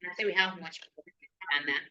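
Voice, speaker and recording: Low-voiced woman hosting a webinar. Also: steady tone, sharp tone. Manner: unhurried, reading names aloud and pausing over pronunciations. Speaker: webinar host. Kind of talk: greeting attendees by name before an online session. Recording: dull lo-fi online call audio.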